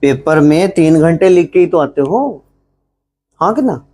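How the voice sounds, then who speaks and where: Punjabi-accented male teacher, fairly high voice, slow and deliberate, quizzing a live class. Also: animated, warm tone, soft background music. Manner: asks questions of the class and answers them himself; slows to spell out English phrases. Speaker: teacher at a spiritual gathering. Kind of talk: informal live English class in Hindi and Punjabi. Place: live gathering hall.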